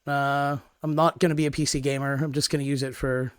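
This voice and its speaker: A man co-hosting a podcast, hoarse and raspy from a cold, easygoing and self-mocking. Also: medium pitch, level tone, fairly quick, no room sound, studio quality. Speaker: podcast co-host. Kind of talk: casual chat.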